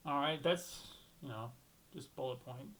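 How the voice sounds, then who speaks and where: A man's voice: medium pitch, a little slow, a bit bright, rough recording. A young man hosting a solo basketball talk show, rambling and thinking aloud, restarting sentences and swearing casually.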